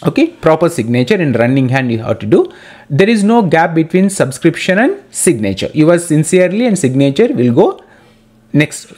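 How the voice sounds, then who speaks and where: A man's voice: on the high side, a little mellow. A man teaching an exam-prep lesson over slides, explaining step by step and repeating key points for students. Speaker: English teacher.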